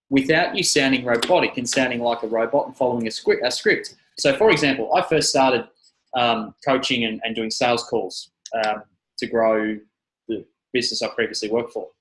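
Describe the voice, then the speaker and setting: A man who trains personal trainers, giving an energetic seminar talk and repeating his key phrases. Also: mid-range voice, low-quality recording.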